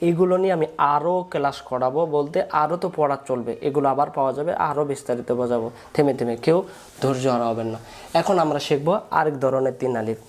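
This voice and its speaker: This slightly high, somewhat mellow male voice belongs to a patient Quran reading teacher. He gives a slow recitation lesson one step at a time, sounding out each letter, lengthening the long vowels, and going over every step again.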